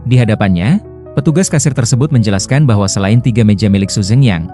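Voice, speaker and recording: A man narrates a story recap quickly, in a low, mellow voice with a steady, flowing delivery. Soft music plays faintly behind the voice-over.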